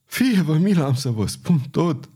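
A man's voice: fairly high pitch, animated, dark tone, voice pushed up, natural voice. A man doing a terrified pleading ferryman. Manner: panicked, begging, breathless. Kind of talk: audiobook character voice.

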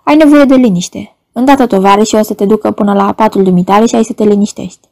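A woman reading an audiobook voices a plump, soft-faced man speaking in a solemn, placating way. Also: medium pitch, creaky, lightly acted. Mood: soothing.

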